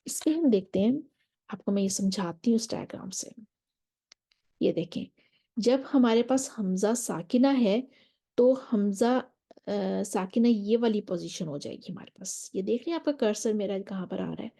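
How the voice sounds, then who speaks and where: A woman's voice: medium pitch, normal speed, creaky, mellow. A woman teaching Quran recitation in an online lesson, explaining patiently step by step over a diagram and mixing in English terms.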